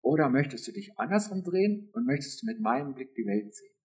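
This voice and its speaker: A man preaching a sermon in a lively, intimate way, speaking straight to his listeners. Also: mid-range voice, fast.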